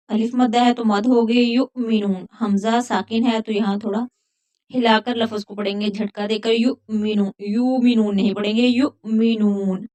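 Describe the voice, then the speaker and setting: A woman's voice: on the high side, a little mellow. Patient woman teaching Quran recitation. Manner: patient, explains each rule then recites drawn out. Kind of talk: slow tajweed lesson, explaining then chanting verses.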